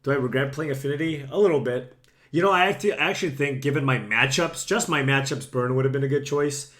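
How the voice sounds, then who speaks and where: His voice is medium-pitched, quick and a bit bright, but it is starting to go because he is slightly sick. The young man plays a card game on a home live stream, talking loosely and self-deprecatingly directly to his chat.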